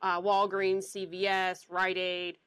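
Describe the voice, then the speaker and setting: A woman's voice: mid-range voice, completely flat delivery, slow, a bit bright, clear, resonant tone, no room sound, rough recording. A young woman talks frankly on a podcast, handing out blunt advice. Her voice sits close and dry with no room sound. She drifts off track now and then and laughs her way back. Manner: frank, advice-giving, loses her train of thought. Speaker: podcast host. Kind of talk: casual chat.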